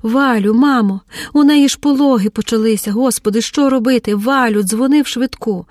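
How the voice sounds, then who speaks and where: A woman's voice: a little high, normal speed, dry recording, studio quality, lightly acted. A woman reading an audiobook, voicing a panicked mother crying out for help as her daughter goes into labor. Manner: panicked shouting. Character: frantic young mother Aida, woman.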